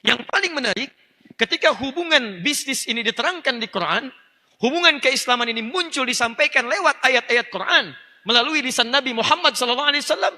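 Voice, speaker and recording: A man preaching a religious lecture in a high, very bright voice. He teaches emphatically, speaks straight to his listeners and breaks into fluent Arabic recitation. A long hall reverb trails behind each phrase. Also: lively intonation, fairly quick. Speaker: Islamic preacher.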